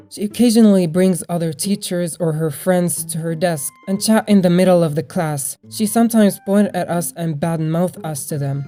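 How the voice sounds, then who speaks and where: A woman's voice: fairly low pitch, warm tone. A young adult woman narrating a personal story as a storytime video narrator. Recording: music bed behind the voice. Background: background music.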